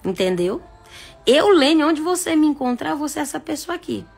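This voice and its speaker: A woman with a high voice hosts a casual live stream. She talks frankly, with jokes and asides, and speeds up or drags her words for emphasis. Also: sing-song, moderate pace, vocal fry, faint music behind. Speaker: psychic live-stream host.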